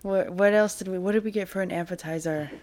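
Low-voiced woman in casual chat. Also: fairly even intonation, quick pace, a little mellow. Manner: chatty, adds details and laughs along. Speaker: podcast co-host.

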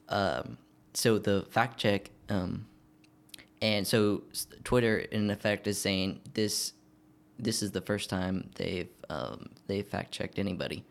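A man's voice: lowish voice, slow, vocal fry. A man hosting a casual podcast discussion, talking hesitantly with many fillers. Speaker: podcast host.

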